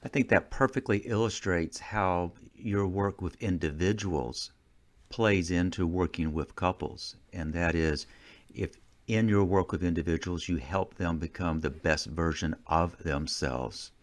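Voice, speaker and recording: A man hosting a podcast, asking his guest questions in a measured, deliberate way. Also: deep voice. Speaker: podcast host. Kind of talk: interview questions.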